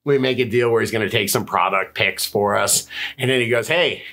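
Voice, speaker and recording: A man co-hosting a podcast in casual chat, a gravelly-voiced, animated storyteller who swears freely and laughs a lot. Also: fairly low pitch, fairly quick. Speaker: podcast co-host.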